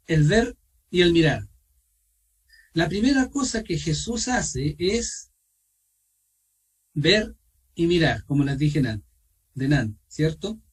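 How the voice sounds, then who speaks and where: A man with a Chilean accent teaching an online Bible study, asking his listeners questions and pausing with fillers. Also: fairly high pitch, husky, recorded from a distance, rough recording. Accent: Chilean Spanish. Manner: asks questions of the group, repeats himself, pauses with fillers. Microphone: video call.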